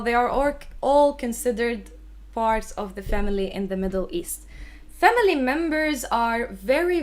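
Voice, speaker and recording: A native Arabic speaker with a Levantine Arabic accent teaches a live online language lesson, explaining things in an emphatic manner. Her voice is fairly high in pitch.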